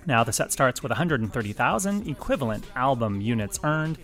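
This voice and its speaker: A man co-hosting a music podcast, reading chart news with wry, animated delivery. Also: medium pitch, fairly quick. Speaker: podcast co-host.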